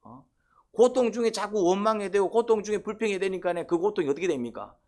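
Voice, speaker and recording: A man's voice: sits high, lively intonation, quick pace, a little mellow. A man preaching a sermon, constantly prompting the congregation with questions and short "eh?" calls. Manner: quizzes the congregation, repeated "eh?" prompts. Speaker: pastor.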